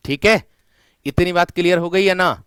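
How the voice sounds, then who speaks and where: Teaching exam prep online, this man speaks in a high-pitched, smooth voice with a fairly bright tone and no room sound. He often addresses his students as friends and stresses key words by repeating and stretching them.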